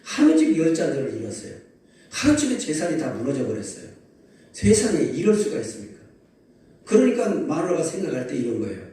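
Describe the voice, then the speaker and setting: A male pastor delivers a Sunday sermon in a lively storytelling manner, often calling out to his listeners. His voice is mellow and dark. He is picked up from a distance in a very echoey church hall with faint ambience behind him. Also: on the high side, fairly quick. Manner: lively storytelling preaching, calls to the congregation. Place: large church sanctuary.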